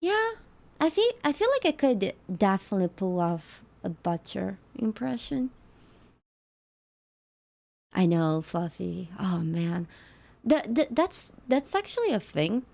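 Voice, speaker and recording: Slow-talking woman livestreamer chatting. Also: medium pitch, very animated, gravelly, darkish tone. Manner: chatty, talks to chat and thanks viewers. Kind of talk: casual chat with viewers while gaming.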